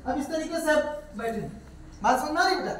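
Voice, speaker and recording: A man teaching step by step how to pray, repeating points, asking his student questions, and chanting the prayers slowly. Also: very high voice, noisy background. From India. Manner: slow melodic chanting of prayers. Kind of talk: step-by-step prayer lesson with recitation. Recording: echoey room, voice from far off.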